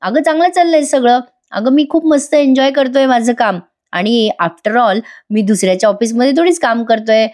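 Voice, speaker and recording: A man's voice: very high voice, moderate pace, few pauses, a little mellow. Reassuring cheerful young husband, read by a woman. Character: cheerful young husband on his first day at work.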